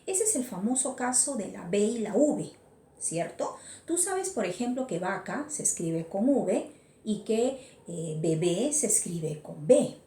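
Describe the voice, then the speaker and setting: A woman's voice: mid-range voice, big pitch swings, unhurried, dark tone, roomy sound. A woman with a Peruvian accent teaching an online class, patient and encouraging, often checking in with her students. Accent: Peruvian Spanish. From Peru. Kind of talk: virtual class lecture.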